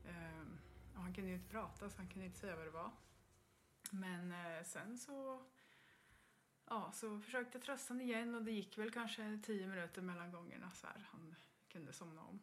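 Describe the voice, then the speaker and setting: A woman's voice: mid-range voice, slight background noise. A woman co-hosting a podcast, telling a ghost story in casual chat and acting out her own reactions. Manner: lively storytelling with acted-out reactions. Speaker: podcast co-host.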